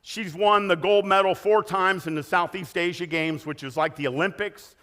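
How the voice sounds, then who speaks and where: A man in his sixties giving an energetic motivational keynote in a large conference hall, asking the audience questions. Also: sits high, normal speed. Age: 60s. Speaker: keynote speaker.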